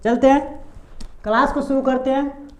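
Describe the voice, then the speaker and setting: Standing at a board, this young man explains English pronunciation in Hindi at a normal speed. His pitch is very high and his tone steady, and he habitually asks questions only to answer them himself while drilling the key sounds again and again.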